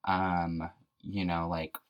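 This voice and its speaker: A woman's voice: rumbling low, level tone, takes it slowly, lo-fi sound. A young woman co-hosting a casual show recap podcast, chatty and giggly, full of "like". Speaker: podcast co-host.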